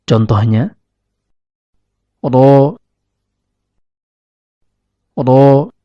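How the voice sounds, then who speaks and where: A man giving slow, deliberate scripted narration as a recitation teacher, demonstrating each sound himself. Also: mid-range voice, mellow, breathy edge, no room sound. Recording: dry, slightly dull lo-fi recording.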